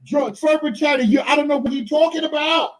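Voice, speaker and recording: A man moderating a debate, loudly interrupting to calm the speakers. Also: extremely high pitch, fairly quick. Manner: loud, interrupting, calling for calm.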